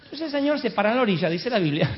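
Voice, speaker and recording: Lively Argentine preacher telling stories. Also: male voice, sits high, fast. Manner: storytelling with comic asides. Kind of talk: humorous sermon. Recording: dull live recording, faint crowd.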